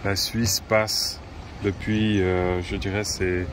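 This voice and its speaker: A man, a teacher vlogging outdoors at a zoo in a slow, hesitant way with many pauses. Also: sits low, level tone, noisy background. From Switzerland. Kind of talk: casual vlog narration.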